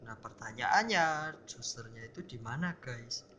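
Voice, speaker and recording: A man's voice: mid-range voice, lively intonation, measured pace, pushed and bright, a little hiss or hum. A young man giving casual, tense commentary on a horror game he is playing, talking to his viewers. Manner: jumpy, tense, keeps addressing viewers as guys. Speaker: gameplay streamer.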